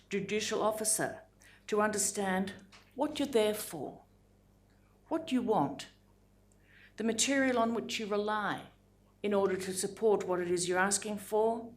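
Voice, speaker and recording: Measured woman in her sixties. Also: mid-range voice. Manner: measured and deliberate, with frequent "um" pauses. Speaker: judge giving a lecture. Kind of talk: formal lecture. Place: lecture room.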